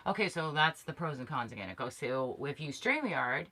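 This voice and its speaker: Inside a small insulated camper, a middle-aged woman chats and laughs her way through co-hosting a casual camping live stream. Her voice is low-pitched and sharp, brisk in pace with lively intonation, and a fixed camera captures her and a companion on a bench.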